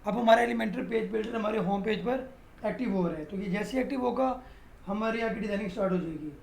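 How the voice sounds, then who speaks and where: A man's voice: sits high, quick pace, gravelly, slight background noise. A man teaching a step-by-step screen-recorded web design lesson, often adding "भाई" as he explains. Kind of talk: screen-recorded software tutorial.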